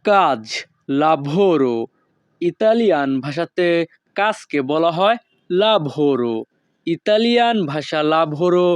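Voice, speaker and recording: Slow, clear-voiced male language teacher. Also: fairly high pitch, animated, no room sound. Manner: slow, repetitive word-by-word drilling. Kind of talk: vocabulary drill lesson.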